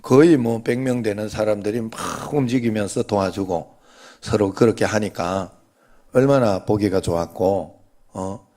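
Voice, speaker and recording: Male pastor, Gyeongsang accent, lower register, playful and chatty while preaching in church. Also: a little mellow. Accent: Gyeongsang Korean. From Gyeongsang region, Korea. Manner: joking, chatty, leads the congregation in greetings. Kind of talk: sermon with playful banter.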